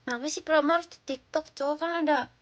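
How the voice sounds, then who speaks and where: A woman chats casually with her livestream viewers. Her voice is on the high side, and she talks in slangy, blunt banter. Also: quick pace, dull audio.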